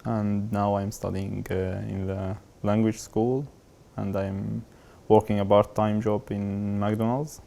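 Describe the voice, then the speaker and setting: A man, talking haltingly in a documentary interview. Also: fairly low pitch, little pitch movement, creaky, mellow. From Syria. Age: 20s. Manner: halting, searching for words with many fillers.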